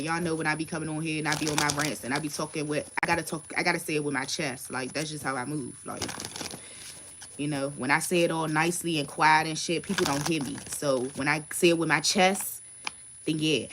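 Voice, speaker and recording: A woman's voice: low voice, noisy background. A woman in her thirties doing a casual tarot reading livestream, talking bluntly and emphatically with frequent swearing. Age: 30s. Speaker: tarot card reader.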